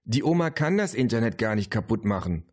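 Ein Mann liest ein Hörbuch und spricht ein gereiztes Teenagermädchen mit grünen Haaren. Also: male voice, lowish voice, very animated, brisk, a little mellow, voice pushed up. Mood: genervt. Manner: gereizt, zischend.

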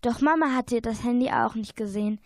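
A woman's voice: on the high side, a little fast, no echo. A young female narrator reading a youth radio play steadily, with small slips now and then.

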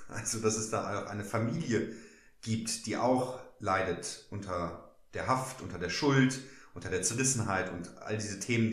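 A male podcast host asks gentle, searching questions and hesitates now and then. His voice sits on the low side. The room adds a clear echo. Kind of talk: interviewer asking questions.

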